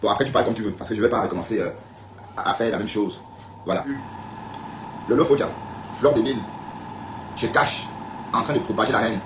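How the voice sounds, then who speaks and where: Fast-talking man on an echoey live stream. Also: lowish voice, fairly bright tone, slight background noise. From Cameroon. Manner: emphatic, repetitive, addresses viewers directly. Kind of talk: casual live-stream talk replying to comments. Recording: echoey room, faint background ambience.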